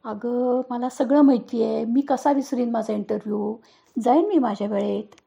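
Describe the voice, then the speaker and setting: A woman's voice: a little high, moderate pace, creaky, mellow, muffled recording. A woman voicing an irritated young man who whines defensively at his mother in a storybook tale. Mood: whiny. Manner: whiny, defensive.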